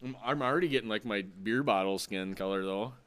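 A man's voice: lowish voice, brisk, fairly bright tone. Profane, ranting man in his thirties. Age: 30s. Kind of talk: casual sports chat.

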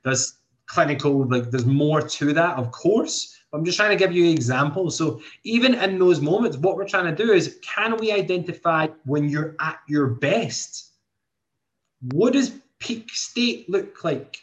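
A man's voice: on the high side, lively intonation, a little slow. A man, hosting a motivational podcast in an earnest way, thinking aloud with many restarts. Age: 20s. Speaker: podcast host and coach. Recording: dull lo-fi sound.

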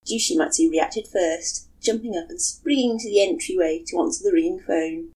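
A woman reading fan fiction aloud, expressive in her storytelling. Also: on the low side, normal speed, low-quality recording. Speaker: reader.

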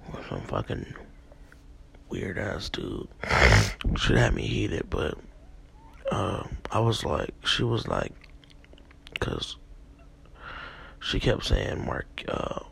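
Young male podcast host, husky and a bit sick, rambling and profane. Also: sits low, wildly swooping pitch, slow, pauses often. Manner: rambling, profane, many fillers. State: a little sick. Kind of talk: casual dream recounting monologue.

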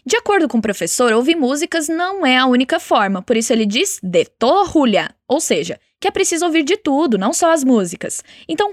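A woman teaching a language lesson, encouraging and clear, slowing down to model phrases for the listener to repeat. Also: high voice, dry recording, studio quality. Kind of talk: spoken language lesson with repeat-after-me drills.

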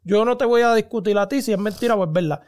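A man with a Puerto Rican accent, chatting casually on a podcast and telling lively stories full of slang. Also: high-pitched, quick pace. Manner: animated storytelling with slang. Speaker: podcast host. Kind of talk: casual chat.

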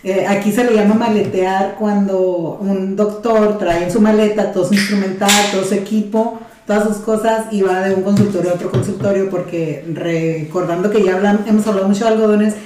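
Give me a Mexican podcast co-host in casual chat who teases the guest and chimes in by echoing her words. The voice sits far from the mic in a strongly echoing room. Its pitch is medium. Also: fairly even intonation, a little fast, hardly any pauses, dark tone. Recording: distant mic in a very echoey room.

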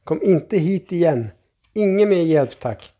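A flustered old grandfather, exasperated and quick to cry out, his voice jumping high and loud above a gravelly, husky base, as a man reads him in a storybook. The tone stays dark and worn even when he is at his wits' end. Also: exaggerated voice. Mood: stern. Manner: exasperated, cries out in alarm.

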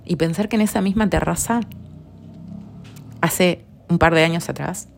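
Soft-spoken low Rioplatense woman. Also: gravelly. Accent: Rioplatense Spanish. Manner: soft, earnest, often dropping to a near whisper. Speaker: podcast host. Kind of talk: reflective personal talk.

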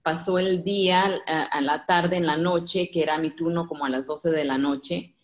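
A woman telling a personal story in casual conversation, animated and laughing often, with many fillers and restarts. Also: deep voice, normal speed. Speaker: guest.

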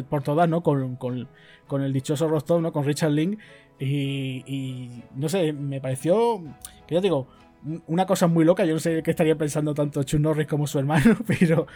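A man's voice: on the high side, dark tone. A man co-hosting a podcast, talking about a film with enthusiasm and ending phrases with tag questions. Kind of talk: casual film discussion.

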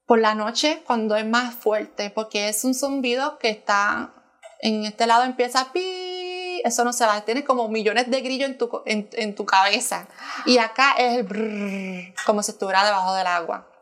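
A woman's voice: a little high, fairly even intonation, moderate pace, fairly bright tone. A woman sharing a personal testimony as a church planter in conversation, earnest and emotional, often restarting her sentences.

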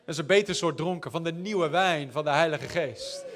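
Male preacher, high voice, sermon full of anecdotes and quips. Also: moderate pace, fairly bright tone, slight background noise. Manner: storytelling, jokey asides, repeats words when searching.

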